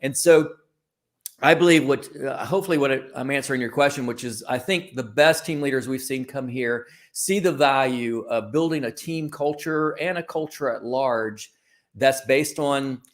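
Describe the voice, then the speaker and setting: The speaker is a man guesting on an interview, a founder of a creative company, with a medium pitch and ordinary speaking speed. Loose and informal, his replies ramble and he frequently stops to restate what he means.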